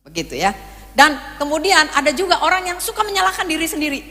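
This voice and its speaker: Woman pastor preaching, high bright voice, lots of echo from the church hall. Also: quick pace, faint music behind. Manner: animated storytelling, acting out quoted voices, addressing the congregation. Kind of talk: sermon.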